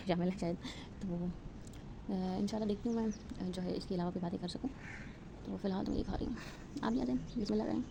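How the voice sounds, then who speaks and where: A woman's voice: medium pitch, gravelly, background noise. A young woman with a Pakistani Urdu accent chatting casually in a rambling, filler-heavy way while cooking breakfast at home, recorded on a handheld phone. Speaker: vlogger. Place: home kitchen, indoors.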